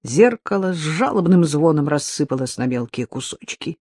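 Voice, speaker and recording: A woman narrating an audiobook in a calm, even storytelling manner. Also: sits low, moderate pace, no room sound, clean studio sound. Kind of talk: scripted narration.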